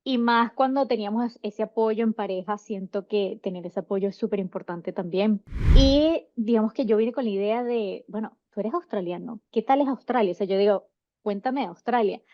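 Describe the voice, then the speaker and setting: A woman's voice: medium pitch, normal speed, no room sound. Chatty Venezuelan woman, dull dry sound. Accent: Venezuelan Spanish. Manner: chatty, rambling with many restarts. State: seven months pregnant. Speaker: interview guest. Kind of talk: casual interview.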